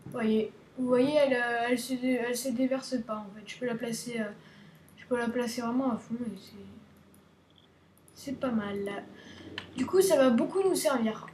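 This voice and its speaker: High-voiced woman, chatty gaming commentary. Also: moderate pace, darkish tone. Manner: chatty and playful, many restarts, talks to viewers. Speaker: gaming video host. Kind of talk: casual game tutorial commentary. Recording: roomy echo, faint background hiss.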